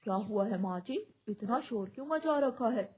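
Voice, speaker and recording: A young husband sparrow from a cartoon speaks sternly and with reproach, as a woman acts him out. The voice is pushed low and sounds slightly husky. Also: animated, moderate pace, a little mellow. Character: young husband sparrow, sides with his mother.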